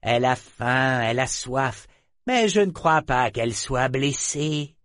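A man voicing a haughty ancient female dragon who speaks slowly and with contempt. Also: mid-range voice, lively intonation, a bit bright, no room sound, studio quality. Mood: haughty disdain. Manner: slow, imperious, contemptuous.

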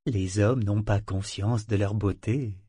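A man voicing a teasing, motherly female living ship in an audiobook, speaking in a low, knowing tone. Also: steady tone, a little slow, mellow, breathy edge, no room sound, studio quality.

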